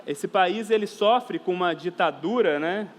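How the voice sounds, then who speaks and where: High-voiced Brazilian pastor preaching. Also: male voice, measured pace. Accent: Brazilian Portuguese. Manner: earnest, addresses listeners as brothers and sisters; emphatic, repeating phrases for stress. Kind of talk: sermon. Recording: reverberant church hall, faint background noise.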